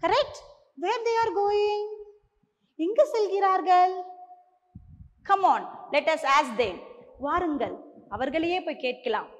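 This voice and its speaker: A woman teacher with a Tamil accent giving a bilingual lesson to young children, slow and coaxing, repeating each line in two languages. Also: extremely high pitch, animated, big-room sound.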